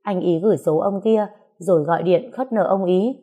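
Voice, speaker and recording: A woman's voice: fairly low pitch, normal speed, husky, lo-fi sound. A woman reading a story aloud, voicing a shy, anxious young woman who talks hesitantly. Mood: worried. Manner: hesitant, soft, stammering.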